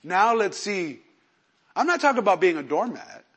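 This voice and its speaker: A male pastor delivers a sermon in a voice set a little high for a man. He moves between quiet, hushed storytelling and loud, emphatic peaks, and he acts out the other people in his stories. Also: big pitch swings, moderate pace, breathy edge.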